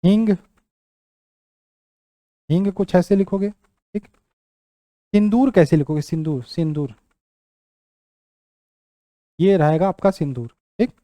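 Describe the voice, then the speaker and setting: A man's voice: high voice, slow pace, long pauses, warm tone, dry recording. A young man teaching an exam-prep lesson, repeating each word as he writes it out and checking in with his students. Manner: repeats words while writing them out, checks in with "ठीक".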